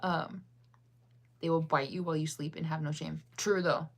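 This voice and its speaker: A woman's voice: low voice, steady tone, normal speed. A young woman from the US, chatting casually on a live stream, laughing often and answering her chat. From United States. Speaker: livestreamer.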